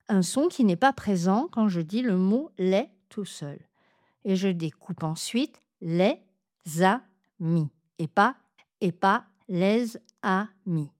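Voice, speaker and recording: A woman gives a pronunciation lesson at an unhurried, measured pace. Her voice sits mid-range and she spells out each example clearly. The sound is dry and close, with no room around it. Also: medium pitch, a little mellow, dry recording. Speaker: French pronunciation teacher. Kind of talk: slow, carefully articulated lesson.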